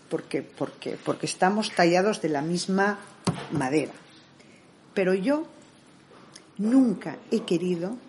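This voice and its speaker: A middle-aged woman, an interview guest, telling stories in a lively way and acting out what people said. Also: medium pitch. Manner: animated storyteller who acts out dialogue. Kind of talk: conversational interview.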